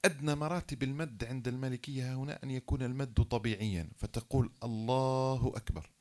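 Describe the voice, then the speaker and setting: A man giving a classroom lecture, explaining rules one by one and repeating key phrases. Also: fast talker. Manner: acts out example phrases, then drops low to rule them invalid.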